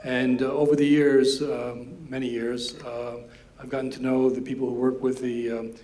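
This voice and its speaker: A man's voice: medium pitch, little pitch movement, normal speed, a little mellow, rough recording. A man, an acting county executive, giving informal presentation remarks, hesitant with many fillers.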